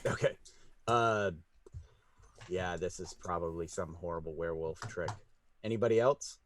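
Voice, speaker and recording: A man's voice: deep voice, moderate pace, slight background noise. A man improvising narration as the game master of a tabletop game.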